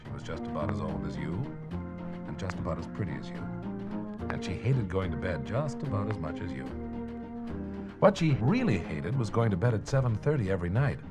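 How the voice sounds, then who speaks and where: A man narrating a children's story in a gentle, playful storytelling manner on an old mono record. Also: sits low, big pitch swings, a little fast, over loud music.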